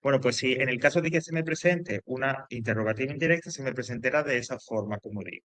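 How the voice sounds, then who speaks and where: A man's voice: mid-range voice, fast, fairly bright tone, dry recording. Man, teacher, grammar lesson, repeats himself, checks in often, hesitant restarts, dry sound. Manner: explains with repetition and lots of "¿vale?" check-ins; loose, hesitant phrasing with fillers and restarts.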